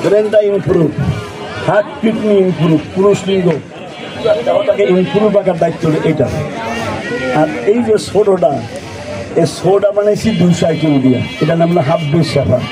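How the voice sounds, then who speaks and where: High-pitched street barker, man. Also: moderate pace. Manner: barker-like hawking, rattling off lists and asking rhetorical questions. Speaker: street medicine seller. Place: outdoors on a city footpath. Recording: noisy outdoor street with crowd, traffic. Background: street crowd and vehicle noise.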